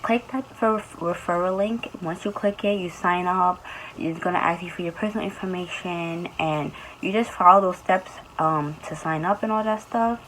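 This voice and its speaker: A young woman chats through a casual vlog in a sleepy, slightly low voice, rambling loosely with plenty of ums. A faint hum of room noise sits behind her. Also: moderate pace, a bit bright, low-quality recording. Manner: loose, chatty, with many fillers. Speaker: YouTube host.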